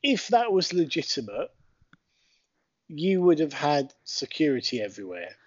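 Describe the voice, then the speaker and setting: A man's voice: on the high side, very animated, a little slow, husky, no echo, highs cut off. A man casually chatting about wrestling footage as a podcast co-host, narrating what happens on screen. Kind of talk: casual wrestling watch-along chat.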